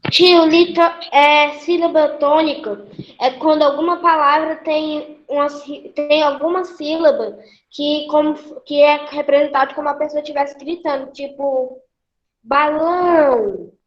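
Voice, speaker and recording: A Brazilian student speaking up on a video call, slowly and with hesitation as she looks for the words. Her voice is high. The sound is echoey and muffled. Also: flat delivery. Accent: Brazilian Portuguese.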